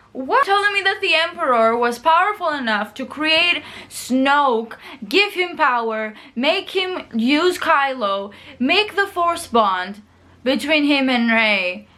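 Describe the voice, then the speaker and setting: A young adult woman ranting in casual, sweary video commentary, sounding drunk, indignant and emphatic, with drawn-out words. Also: sits high, sharp tone. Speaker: film fan giving a rant.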